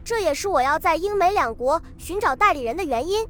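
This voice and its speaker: Woman narrator voicing a cautious male banker, careful advice, very high bright read. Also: animated, fairly quick.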